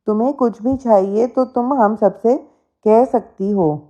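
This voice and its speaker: A woman voicing a gentle, forgiving young daughter-in-law in a storybook reading. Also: on the high side, unhurried, muffled recording.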